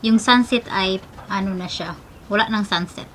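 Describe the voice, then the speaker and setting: A woman's voice: normal speed, fairly bright tone, a little hiss or hum. Chatty woman vlogger mixing languages. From Philippines. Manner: switches to a high cooing voice for her dog. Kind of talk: casual vlog chat. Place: outdoors at home in the evening.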